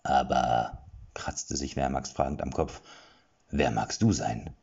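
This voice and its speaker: A man voicing a small, misshapen creature that speaks slowly and politely in an audiobook, on slightly muffled audio. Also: fairly even intonation, darkish tone, breathy edge, exaggerated voice. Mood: puzzled. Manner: slow, polite, deep.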